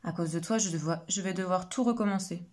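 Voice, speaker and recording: A woman's voice: lowish voice, quick pace, a little mellow, lightly acted. A woman voicing an overbusy squirrel in a storybook, flustered and fussy.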